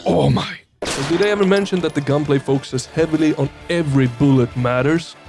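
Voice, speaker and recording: A man's voice: fairly high pitch, a little fast, over music. A man giving a casual scripted video game review in a colloquial, emphatic, playful way.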